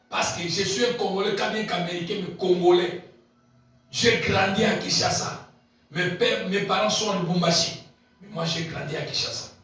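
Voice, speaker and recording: A man preaching a sermon as pastor, swinging between shouted peaks and low murmured asides and repeating key phrases. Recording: very echoey hall, voice picked up from a distance.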